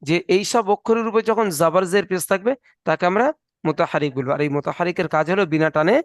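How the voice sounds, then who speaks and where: A man's voice: sits high, fast talker, no echo, clean studio sound. A man teaching Quran reading in an online one-on-one lesson, patiently drilling letters and asking questions.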